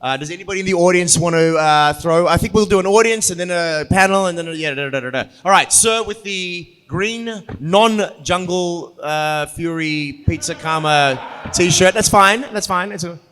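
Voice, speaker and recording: A fellow actor moderates an unscripted convention panel in a large indoor room, jokey and rambling off the cuff. His high-pitched, bright, clear and resonant voice keeps a measured pace with few pauses, recorded in an echoey hall with faint noise.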